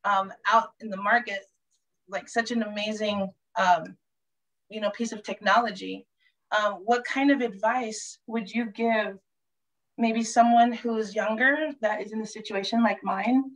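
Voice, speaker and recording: A woman's voice: mid-range voice, fairly even intonation, measured pace, rough recording. A woman hosting a casual family chat as a coach. She is upbeat, laughs often and uses many fillers. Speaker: host and coach.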